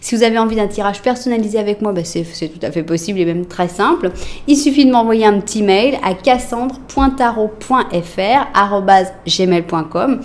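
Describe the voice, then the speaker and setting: A woman's voice: mid-range voice, normal speed. Chatty French woman reading tarot. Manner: chatty, addresses viewers directly, many fillers. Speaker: tarot reader. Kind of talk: casual tarot reading for viewers.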